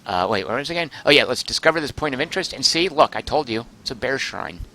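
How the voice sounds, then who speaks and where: A man streaming a game live, chatting excitedly, thinking aloud and reading chat messages aloud, close to his microphone. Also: mid-range voice, fast talker, slight background noise. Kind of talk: live gameplay commentary.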